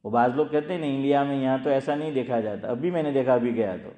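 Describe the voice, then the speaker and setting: A man's voice: medium pitch, dark tone, roomy sound. A man, giving a conversational religious talk, asking his listeners questions and repeating key points. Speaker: Islamic scholar giving a talk. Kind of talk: conversational sermon.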